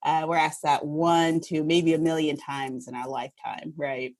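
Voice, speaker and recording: A woman host from Northern Kentucky, chatty and quick to laugh, asking long, winding questions in a podcast interview. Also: deep voice, flat delivery. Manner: warm, chatty, laughs easily, asks long rambling questions.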